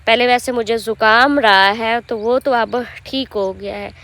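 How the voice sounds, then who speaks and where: A young woman, slightly hoarse, chatting casually to viewers as she vlogs while walking through farm fields. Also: fairly high pitch, measured pace, a bit bright. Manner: chatty, rambling, addresses viewers directly. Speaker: village vlogger and mother. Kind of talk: casual walk-and-talk vlog.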